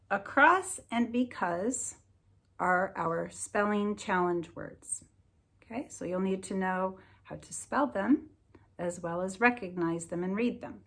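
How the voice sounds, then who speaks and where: Here a teacher with a mid-range, faintly husky voice reads a children's tale aloud for her class, pronouncing everything with care and adding expressive, storybook-style stresses.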